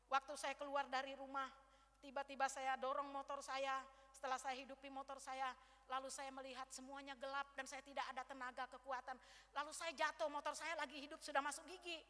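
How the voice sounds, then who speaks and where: Woman pastor preaching, high bright voice, gets loud and emphatic, big echoey church hall. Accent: Indonesian. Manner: emphatic, rises to loud exhortation. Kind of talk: sermon with personal story. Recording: live church stream, reverberant hall.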